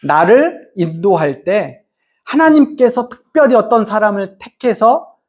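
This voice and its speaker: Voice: mid-range voice, lively intonation, unhurried, a little mellow. A preacher giving a sermon, reading scripture aloud and questioning the congregation. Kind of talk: sermon, Bible teaching.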